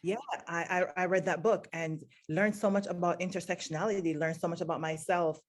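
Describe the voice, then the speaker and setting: A Jamaican-raised woman who works as a teacher answers interview questions as a guest, earnest and reflective, with plenty of fillers. Her voice sits on the low side, steady in tone and a little fast.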